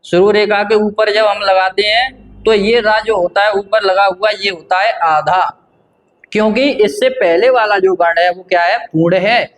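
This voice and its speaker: Male teacher, high-pitched, patient and repetitive, walking through a grammar lesson. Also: fairly even intonation, a little slow, fairly bright tone. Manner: patient, repetitive, asks and answers his own questions. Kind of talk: grammar lesson explaining at a board.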